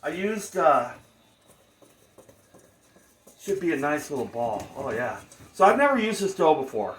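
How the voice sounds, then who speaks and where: Male cooking host, casual stoner type, slightly higher register, recorded at a distance in a reverberant room. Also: very animated, unhurried. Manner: laid-back stoner slang. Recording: roomy, distant mic, faint noise.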